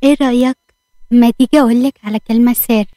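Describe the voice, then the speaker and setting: A woman's voice: on the high side, steady tone, fast, mellow, dry recording, lightly acted. A woman with an Egyptian accent voicing a playful, teasing young husband in a read-aloud romance story.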